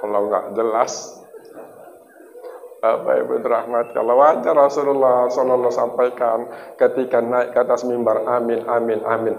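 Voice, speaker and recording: A man's voice: medium pitch, steady tone, moderate pace, gravelly. A male preacher giving a folksy Ramadan sermon, asking his congregation questions, over a microphone in a large mosque hall. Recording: dull echoey mosque hall sound.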